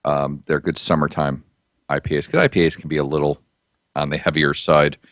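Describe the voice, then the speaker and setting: A man with a very deep voice chats casually, rambling and easygoing. His voice sounds dry and close, with no room around it. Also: flat delivery, a little fast, a bit bright, no echo. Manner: rambling, easygoing, self-deprecating jokes. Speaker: podcast co-host reviewing beer. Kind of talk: casual chat.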